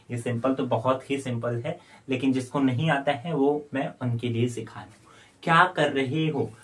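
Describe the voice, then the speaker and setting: A young man giving a spoken English lesson, explaining step by step and repeating phrases slowly for learners. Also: a little high. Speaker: English teacher.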